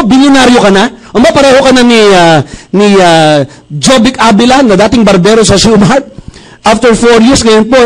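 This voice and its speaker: A middle-aged man from Bacolod in the Philippines, a pastor giving a motivational testimony speech, telling stories in a lively way and acting out the dialogue. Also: sits high, low-quality recording. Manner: animated storyteller who acts out dialogue.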